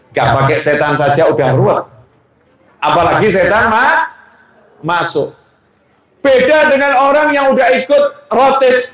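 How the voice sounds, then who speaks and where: Slow, high-voiced preacher. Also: male voice, fairly bright tone. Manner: asks the audience questions, teasing. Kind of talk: sermon. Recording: very echoey hall.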